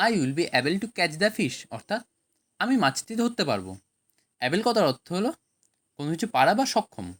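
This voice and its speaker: A woman with a Bengali accent teaching spoken English, saying each phrase slowly and then giving its meaning in Bengali. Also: fairly low pitch. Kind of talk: language lesson, phrase then translation.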